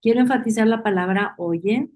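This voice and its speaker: A woman's voice: a little high, moderate pace, a little mellow, poor audio. A woman leading a Bible study class, reading verses aloud, repeating key phrases and putting questions to her listeners. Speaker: Bible teacher.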